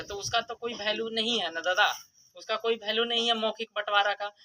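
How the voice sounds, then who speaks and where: A man's voice: high-pitched, pushed and bright. A man, a survey official explaining procedures patiently at a village meeting, repeating key points. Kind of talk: public address at a village meeting. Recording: noisy field recording.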